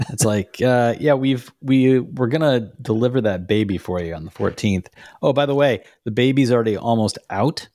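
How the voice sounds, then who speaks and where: A man's voice: mid-range voice, normal speed, warm tone, no room sound. A man in his forties co-hosting a podcast from a room at home, chatting casually with wry joking asides into a studio mic. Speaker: podcast co-host. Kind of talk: casual chat. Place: home room with door and framed picture. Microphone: studio mic with pop filter.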